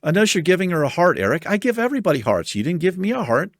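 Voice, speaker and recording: This YouTube host from the United States reads viewer comments very fast in a high-pitched, soothing voice with a lively, swinging rhythm. Chatty and animated, he laughs often and drops casual swears like he's talking with friends. The sound is close and dry, with no echo from the room.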